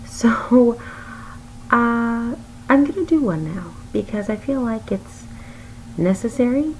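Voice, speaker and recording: A woman's voice: medium pitch, a little mellow, a little hiss or hum, poor audio. A woman vlogger giving a chatty, light intro to her video. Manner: chatty, light, a bit giggly. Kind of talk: casual vlog intro.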